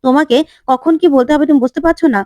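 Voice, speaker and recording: A woman's voice: sits high, rapid-fire, a little mellow, dry recording, lightly acted. A woman voicing a young husband who chides his wife and reasons with her. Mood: chiding. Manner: chiding, reasoning.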